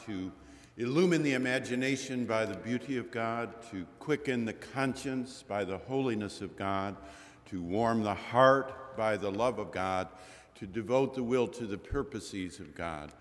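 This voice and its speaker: A man, a minister, leading a worship service with a measured, solemn delivery, his voice ringing with a cathedral-like echo in a large chapel. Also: medium pitch. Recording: long chapel reverb, radio broadcast.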